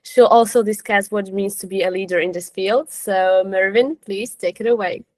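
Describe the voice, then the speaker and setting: A woman moderating a webinar over a video call, introducing speakers in a polite, brisk way. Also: mid-range voice, steady tone, no room sound.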